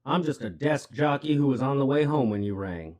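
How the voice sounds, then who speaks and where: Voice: medium pitch, animated, brisk, a little mellow, close to an everyday voice. An actor playing a weary, laid-back male desk cop with a dry drawl.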